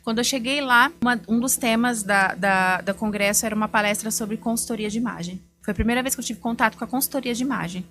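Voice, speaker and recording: A woman with a fairly high voice tells her personal story as a podcast guest. She is warm in feeling and full of faith, and she acts out the dialogue she remembers in a lively, storytelling way. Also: fast, hardly any pauses. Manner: heartfelt, faith-filled and emotional. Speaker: image consultant, podcast guest. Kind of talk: personal testimony in a podcast interview.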